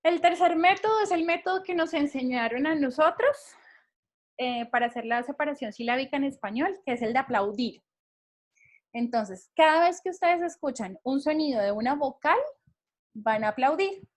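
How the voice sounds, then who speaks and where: High-voiced woman teaching English. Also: animated, moderate pace. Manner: patient, checks in with "¿listo?". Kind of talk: online class explaining syllable counting.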